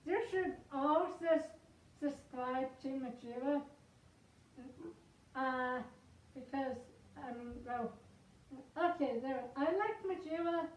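A woman talking casually to camera from inside a costume head, rambling and halting as she goes. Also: high voice. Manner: rambling, halting, self-conscious. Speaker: video creator. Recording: echoey room, far from mic.

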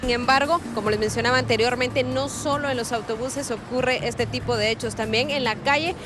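A woman's voice: on the high side, steady tone, music in the background. A young woman reporter on a city street, interviewing passers-by with a handheld mic. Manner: brisk questioning. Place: busy city street by bus stop.

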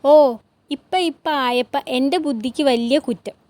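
A woman narrator voicing a caring but sharp-tongued mother who answers in a tart, needling way. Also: high-pitched, unhurried, dry recording.

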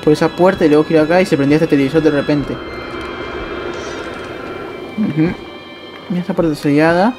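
High-voiced excitable Argentine gamer. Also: male voice, brisk, pauses often, music in the background. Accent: Argentine Spanish. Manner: excitable, yelps and laughs, casual swearing. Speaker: gameplay streamer. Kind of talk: live horror game commentary.

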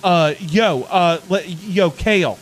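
Taking things slowly in a high voice, a middle-aged American man hosts a casual gaming livestream from his home streaming setup. He rambles and repeats himself in loose slang, with background music underneath.

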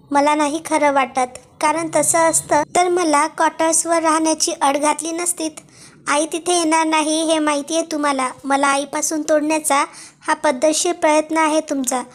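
A woman voicing a defiant young woman who confronts her absent father in a cold, sharp, cutting voice. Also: high voice, lightly acted.

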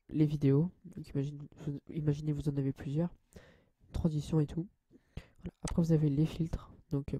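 A young man hosting a casual software tutorial, hesitant and full of fillers and restarts, addressing viewers as guys. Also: on the high side, dry recording. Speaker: channel host.

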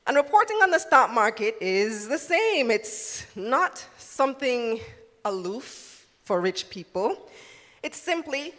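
A woman's voice: on the high side, sing-song, slow pace, a bit bright. A woman giving a live talk to an audience as a finance journalist, engaging and asking the room questions. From Jamaica. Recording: reverberant hall.

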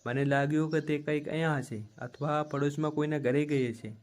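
Guy reading as a young wife, defensive, protesting, slightly high voice. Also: steady tone, a little fast, lightly acted. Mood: explaining.

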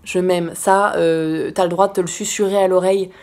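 A woman's voice: fairly low pitch, steady tone, a little fast, darkish tone. A woman vlogger giving casual, encouraging advice straight to the viewer, chatty with frequent fillers. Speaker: lifestyle vlogger.

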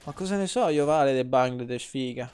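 A man's voice: medium pitch, brisk, a little mellow, clear, resonant tone. A man, streaming gameplay and ranting at his chat, swearing freely and teasing. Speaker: game streamer. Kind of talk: casual live-stream gameplay commentary.

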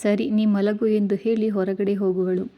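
A woman storyteller reading a family story aloud at a steady pace. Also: mid-range voice, moderate pace, highs cut off.

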